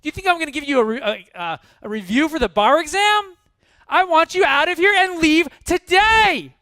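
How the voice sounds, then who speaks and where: A man voicing a furious older male boss at a law office, shouting and stammering in rage. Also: very high-pitched, animated, moderate pace, dry recording, voice pushed up, full character voice.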